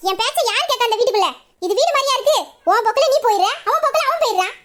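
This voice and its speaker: A woman's voice: very high-pitched, animated, very fast. A woman voicing a nagging middle-aged mother who scolds and complains in an audio drama. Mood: complaining.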